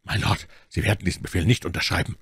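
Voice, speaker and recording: A man's voice: low voice, fairly even intonation, fast, creaky, a bit bright, husky, dry recording, exaggerated voice. A man voicing a grim, zealous young officer in an audiobook, speaking curtly and pressingly. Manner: curt and pressing. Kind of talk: audiobook character voice.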